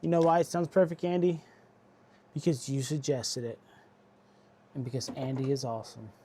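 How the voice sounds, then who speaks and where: Male stream host, mid-range voice, dark mellow tone, joking casual banter. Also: mid-range voice, fairly even intonation, normal speed, a little hiss or hum. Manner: playful, joking with chat viewers; reads viewer chat aloud and answers it. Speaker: electronics repair livestream host. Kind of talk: casual livestream chat while working.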